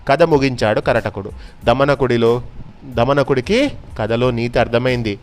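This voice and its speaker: A man narrating a children's folk tale in an expressive, unhurried storytelling manner. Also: medium pitch.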